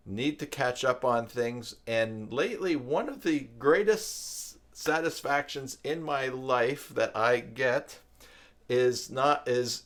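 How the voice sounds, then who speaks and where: A man in his 50s hosts a live stream from a downstairs room at home; he also makes tutorials. His mid-range voice has a fairly bright tone, and he talks in a casual, rambling, conversational way.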